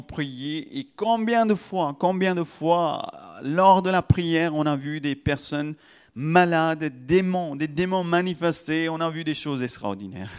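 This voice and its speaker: A man's voice: mid-range voice, smooth. A man, preaching a testimony with many restarts that build into fervent peaks. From Pakistan. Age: 30s. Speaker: guest preacher. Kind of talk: sermon testimony.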